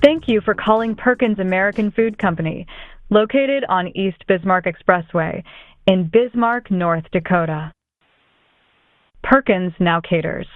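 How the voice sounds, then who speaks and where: A woman reading a scripted automated phone menu in a measured, announcing manner over a phone line. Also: medium pitch, soft background music. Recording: muffled narrow phone line.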